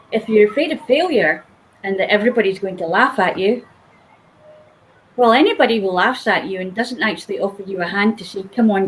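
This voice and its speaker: A woman's voice: medium pitch, low-quality recording. Woman giving an emphatic pep talk, acts out the voices in her head, mid voice, a little background hiss. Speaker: guest speaker. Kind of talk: motivational conversation.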